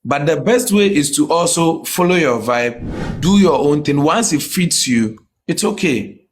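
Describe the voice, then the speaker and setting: A man with a Ghanaian West African accent speaks in a fairly high voice. He talks casually but with emphasis, as a guest making his case in a conversation. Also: lively intonation, unhurried, faint music behind. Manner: emphatic, often checks the listener understands; mixes English with a Ghanaian language. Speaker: comedian, podcast guest. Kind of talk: casual interview talk.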